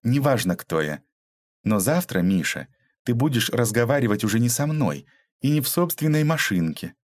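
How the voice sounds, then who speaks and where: A man's voice: mid-range voice, very animated, normal speed, no room sound, pitched above the performer's own voice. A man reading an audiobook aloud, voicing a tough, ironic young woman detective who mocks and lectures. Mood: stern. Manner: mocking, cold, lecturing.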